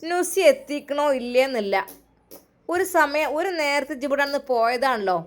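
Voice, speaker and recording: A loud, reproachful older mother-in-law who nags and scolds in a raised, fairly high voice, put on by a woman storyteller. She speaks, and her lines come out pushy and complaining. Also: moderate pace, slight background noise, lightly acted. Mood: scolding.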